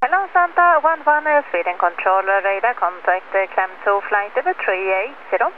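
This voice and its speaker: A woman air traffic controller giving brisk radio instructions with hesitant fillers, her transmission cut off. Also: mid-range voice, lively intonation. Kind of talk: clipped radio phraseology. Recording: tinny radio channel with loud hiss.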